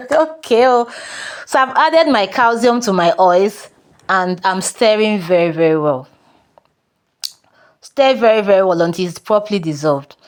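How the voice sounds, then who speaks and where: A woman with a Nigerian accent giving a brisk, chatty soap-making tutorial and talking straight to her viewers. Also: fairly low pitch. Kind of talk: casual tutorial talk.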